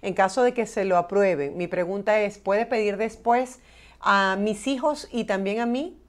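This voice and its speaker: A woman with a medium-pitched voice at normal speed hosts a broadcast interview, reading viewer questions aloud and keeping the conversation moving.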